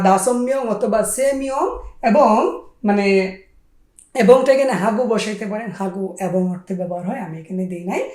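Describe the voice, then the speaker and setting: A woman teaching a language in a casual, explanatory way, slowing down for example phrases and often checking with "right?". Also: mid-range voice, a little mellow, roomy sound. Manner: repeats "ঠিক আছে?" to check understanding, slows down for example phrases.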